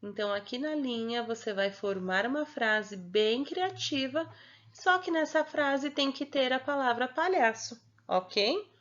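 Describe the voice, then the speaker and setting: A young woman with a Brazilian Portuguese accent explains a homework sheet to young children at a slow, patient pace. Her voice sits a little high and turns sing-song, and she keeps checking in with her pupils. The home recording sounds dull and lo-fi. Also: lively intonation, fairly bright tone. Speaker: primary school teacher.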